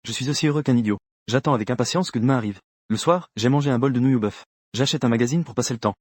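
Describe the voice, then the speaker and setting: A man narrating a first-person story for a comic dub with a rapid, even delivery. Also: medium pitch, dry recording, studio quality.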